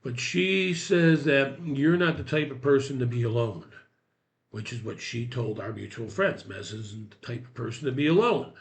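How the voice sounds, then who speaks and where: A man's voice: mid-range voice, normal speed. A man in his sixties, a podcast guest, telling a story casually and acting out the dialogue he recounts. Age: 60s. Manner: animated retelling, acts out quoted dialogue.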